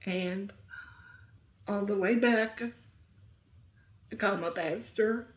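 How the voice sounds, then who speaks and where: A middle-aged woman telling a painful story as an interview guest, speaking softly and sometimes near a whisper. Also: mid-range voice, slow. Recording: roomy echo.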